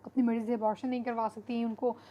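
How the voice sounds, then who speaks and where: A woman's voice: fairly high pitch, little pitch movement, fast, mellow, slight background noise. A woman teacher giving an online lecture, explaining steadily and mixing English terms into her speech with frequent fillers.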